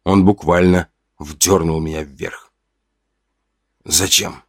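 A man narrating a first-person audiobook story in a steady, measured way. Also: low voice, no echo, clean studio sound.

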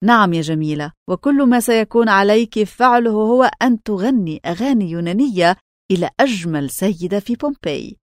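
A kind, rich young man speaks earnestly and protectively, as a woman reading the story acts him out. The delivery is emphatic and lively in pitch, recorded close and dry. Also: fairly quick, no echo, natural voice. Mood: eager.

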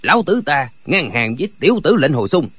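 A man's voice: fairly high pitch, sing-song, fairly quick, a bit bright, slightly rough, no echo, pitched above the performer's own voice, exaggerated voice. A man voicing a boastful, hot-tempered rogue who threatens and blusters in an audiobook. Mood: blustering.

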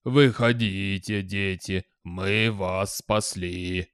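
A man doing a slow, booming troll. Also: steady tone, fairly bright tone, clear, resonant tone, no echo, clean studio sound, exaggerated voice. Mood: booming, friendly. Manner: slow, booming, drawn-out speech. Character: huge good-natured male troll, proud of his manners. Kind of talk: audiobook character voice.

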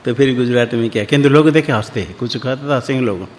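A man's voice: medium pitch, fast. A man teaching scripture, talking in loose, repetitive phrases and reciting Sanskrit verses. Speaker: spiritual teacher. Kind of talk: scripture discourse in Hindi. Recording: long hall reverb.

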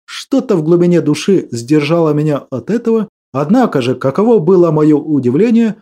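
Male narrator reading a sci-fi audiobook, mellow slightly high voice, even and expressive. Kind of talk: first-person audiobook narration.

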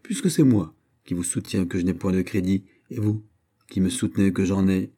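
A man's voice: sits low, moderate pace, warm tone. A man playing a sly young clerk. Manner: mocking, self-assured.

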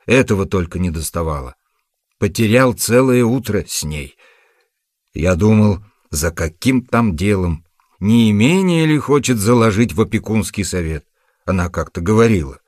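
Man reading a worldly middle-aged uncle, ironic, teasing, husky, audiobook. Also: low voice, no room sound, studio quality.

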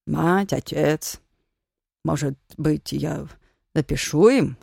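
A reader plays a gruff older man who runs a youth colony, his voice dropped lower than the narration and slowed down. Each line comes out stern and measured, close and dry. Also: darkish tone, no echo, exaggerated voice.

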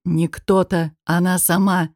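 A haughty male demon speaks in a calm, mocking drawl, as a woman narrator puts him on. The voice stays level in a dry, close audiobook recording. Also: lowish voice, unhurried, dry recording, close to an everyday voice. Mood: scornful. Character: arrogant male higher demon, scornful, cool.

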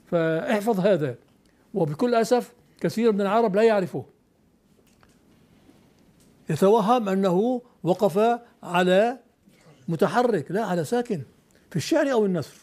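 A male teacher giving a classroom lecture on classical poetry, questioning students and then explaining firmly, reciting verses slowly. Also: high voice, animated, a little mellow.

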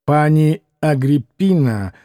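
A man putting on a pompous Polish gentleman. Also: a little high, animated, dry recording, studio quality. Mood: haughty. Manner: slow, haughty, weighty. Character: pompous middle-aged Polish gentleman with pipe.

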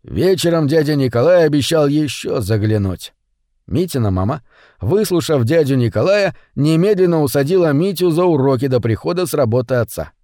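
A man narrating a children's story audiobook in an expressive storytelling manner. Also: a little high, a little fast, no room sound, clean studio sound.

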